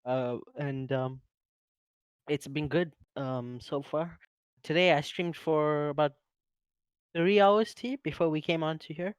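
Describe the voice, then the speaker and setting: A man's voice: on the high side, slow pace, pauses often, smooth, no echo. Slangy male streamer, dry close sound. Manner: slangy, swearing. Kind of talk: casual chat.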